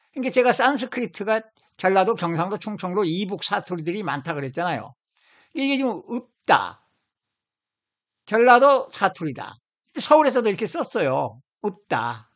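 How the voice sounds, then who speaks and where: A man from Seoul lectures in an informal video, his pitch rising and falling in a lively way. He is emphatic and keeps repeating single words and drawing them out slowly. The audio is dull and lo-fi. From Seoul, South Korea. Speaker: lecturer on language origins.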